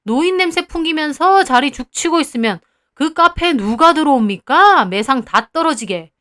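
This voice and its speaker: A woman voicing a rude male cafe owner who talks down to customers and grovels to his landlord, in a loud, shrill, snippy voice. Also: lively intonation, normal speed. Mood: contemptuous.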